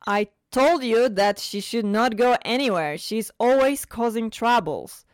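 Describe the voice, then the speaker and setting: A woman's voice: on the high side, a little slow, dry recording, clean studio sound, pitched above the performer's own voice, close to an everyday voice. A woman voicing a lazy, stoned father who talks with overconfident scorn. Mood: smug. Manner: overconfident, dismissive.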